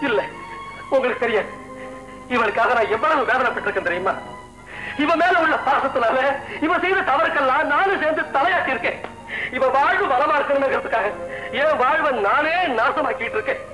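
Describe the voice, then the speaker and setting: A stern brother who lectures his heartless sister in a high, ringing voice. He speaks in a declamatory old-film melodrama style. The roomy soundtrack has music playing clearly behind him. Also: a little fast. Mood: stern, reproachful. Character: indignant adult brother scolding his cruel sister.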